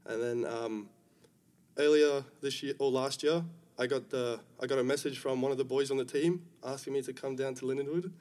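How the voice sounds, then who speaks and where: A young man from Africa, answering interview questions in a relaxed, easygoing way. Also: medium pitch, brisk. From South Africa. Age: young adult. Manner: relaxed, easygoing, many fillers. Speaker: guest rugby player. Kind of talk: casual interview chat.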